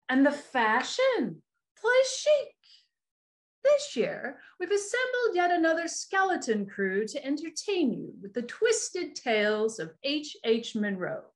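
A woman playing a gleefully macabre horror hostess, introducing the tales with arch, theatrical relish for dark jokes. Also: on the high side. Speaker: show hostess. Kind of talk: community audio play hosting.

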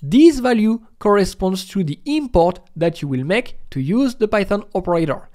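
A high-voiced man delivers a software tutorial in instructional steps, with intonation that shifts constantly and big pitch swings. He speaks at a normal speed.

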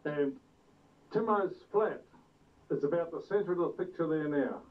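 A man narrating his own home video footage on an old VHS tape, unhurried, pointing out sights like a tour guide. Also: fairly high pitch. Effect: old VHS tape sound. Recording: tinny, distant, hissy old camcorder tape.

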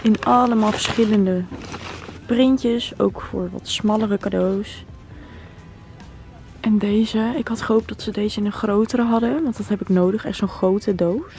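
A woman's voice: mid-range voice, fairly even intonation, a little slow, a little mellow, faint music behind. A woman in her twenties chatting enthusiastically to viewers in a shopping vlog, recorded at home and then in a store. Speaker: vlogger. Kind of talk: casual shopping vlog chat. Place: home living room, then inside a store.

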